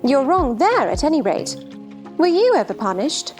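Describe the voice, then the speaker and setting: A giddy, scatterbrained queen, pitched high and swooping all over. She is fussy and fluttery, helpless yet insistent, in theatrical storybook style. Faint music plays behind her. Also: sing-song, moderate pace, a little mellow. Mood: airy, matter-of-fact. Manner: fluttery, nonsensical insistence, crying out. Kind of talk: theatrical children's storybook drama.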